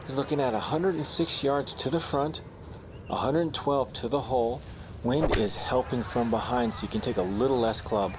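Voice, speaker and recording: A man's voice: medium pitch, moderate pace, natural voice. A man giving golf shot advice in the role of a caddie. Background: crowd, outdoor noise.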